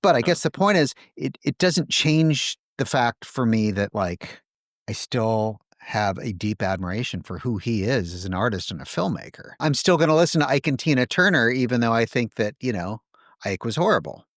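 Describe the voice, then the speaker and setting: A man's voice: medium pitch, expressive, normal speed, dry recording, studio quality. A man hosting a podcast, thinking aloud in a hesitant, filler-heavy way. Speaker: podcast host. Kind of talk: casual conversation.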